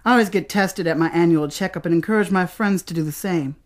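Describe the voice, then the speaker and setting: An American woman performs dramatic spoken-word storytelling in a theatrical style, using deliberate pauses and emphasis. Her voice sits on the low side.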